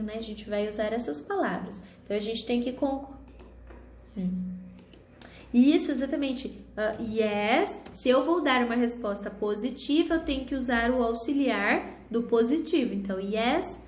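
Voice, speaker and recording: Slow, patient Brazilian teacher, echoey room. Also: female voice, on the high side, darkish tone. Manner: patient, talks students through each step with many "tá?" checks. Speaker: English teacher. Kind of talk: online class explanation. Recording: echoey room with faint background noise.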